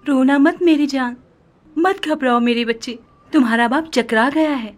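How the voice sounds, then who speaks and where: A woman's voice: high voice, moderate pace, natural voice. An actress dubbing a proud noble wife and mother in a historical drama, reproachful toward her husband. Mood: soothing. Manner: reproachful and pleading.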